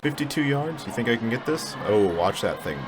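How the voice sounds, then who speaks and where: A man's voice: mid-range voice, lively intonation, brisk, music in the background. A man giving casual, mumbly, self-deprecating commentary while playing a video game. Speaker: gaming channel host. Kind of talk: casual let's-play commentary.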